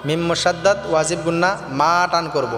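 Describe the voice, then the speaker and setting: A man teaching Quran recitation, chanting verses slowly and melodically, then explaining each sound in plain speech. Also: a little high, fairly even intonation. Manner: slow drawn-out melodic chanting between plain spoken explanations. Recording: echoey hall with faint music.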